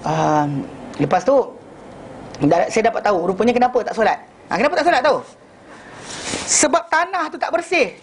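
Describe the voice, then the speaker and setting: A high-voiced man teaches an informal religious class at a moderate pace, telling animated stories and acting out dialogue. He restarts often, pauses a lot and mixes in English phrases, with slight background noise.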